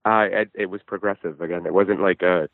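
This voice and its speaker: A low-voiced man from New Jersey phones in to a show and talks casually about his own troubles, hesitating and swearing as he goes. His intonation stays fairly even and his pace is a little fast. The call comes through a muffled, band-limited phone line with no echo.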